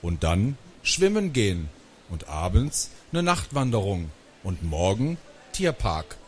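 A man's voice: on the low side, very animated, takes it slowly, darkish tone, a little hiss or hum. A man reading aloud, voicing a laid-back, greedy schoolboy with an offhand way of talking.

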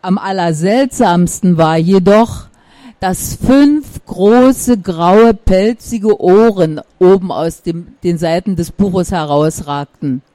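Slow, mellow woman reading a children's story. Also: on the low side, dry recording.

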